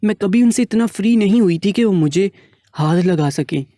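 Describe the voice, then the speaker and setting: A man's voice: sits high, mellow, no echo, studio quality. Man narrating a first-person story.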